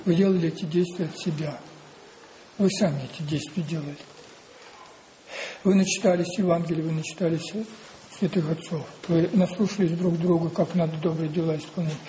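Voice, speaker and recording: A male preacher delivering a sermon in a dark, mellow voice. He talks slowly and deliberately, circling back to the same phrases and putting rhetorical questions to his listeners. A faint hiss sits under his voice. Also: fairly high pitch, low-quality recording.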